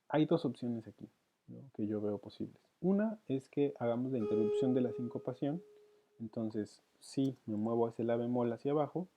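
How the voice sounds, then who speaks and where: A man teaching counterpoint, working through it aloud with hesitations. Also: mid-range voice. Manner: thinks aloud with many fillers and restarts. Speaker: music teacher. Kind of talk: counterpoint lesson, thinking aloud. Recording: dull lo-fi sound.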